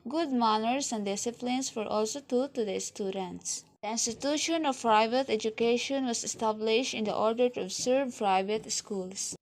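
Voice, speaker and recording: A young Filipino-accented student presenter reads her slides over a home webcam, moving through lists and trailing off quietly at the ends of lines. Her voice is on the high side, at a moderate pace with few pauses.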